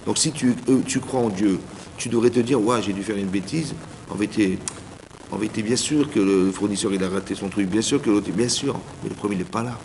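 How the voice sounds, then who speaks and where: Man, rabbi, lowish gravelly voice, animated informal sermon, reverberant hall, faint background noise. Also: fairly quick. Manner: animated, addresses listeners directly, acts out dialogues. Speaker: rabbi giving a Torah class. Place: community hall.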